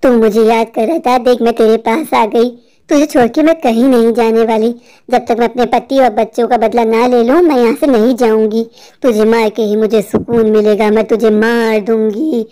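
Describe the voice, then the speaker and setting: A woman voicing a vengeful, grieving female witch spirit in a cartoon, with slow, gloating threats. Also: on the high side, steady tone, dark tone, lightly acted. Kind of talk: cartoon voice acting.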